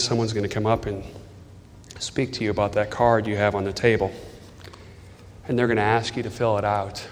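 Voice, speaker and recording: A man's voice: fairly low pitch, a little hiss or hum. A man giving an earnest altar call as a guest speaker, leading a prayer line by line in a church hall. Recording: reverberant hall.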